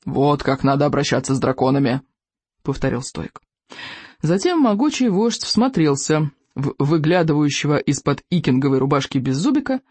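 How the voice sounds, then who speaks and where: A narrator reading a children's book aloud with expressive storytelling. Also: medium pitch, slightly rough, dry recording. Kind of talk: audiobook reading.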